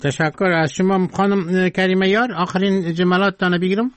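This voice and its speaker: Radio host guy, polite and quick, kinda high voice, dry studio. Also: fairly even intonation, no room sound. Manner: courteous, brisk. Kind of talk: hosting a call-in show.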